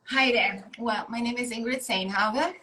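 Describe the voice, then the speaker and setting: A middle-aged woman from Belgium, a guest speaking in a slow, unhurried way on a video call. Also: fairly high pitch, bright, forceful tone, rough recording. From Belgium, Flemish part. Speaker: guest, former model. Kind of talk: casual interview chat. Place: video call, joined remotely.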